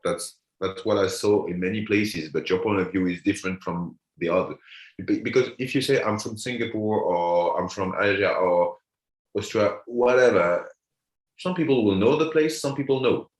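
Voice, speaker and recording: A man from France, a guest comedian, chats casually in a fairly low voice at a moderate pace, often repeating words as he searches for them. The recording has a roomy echo.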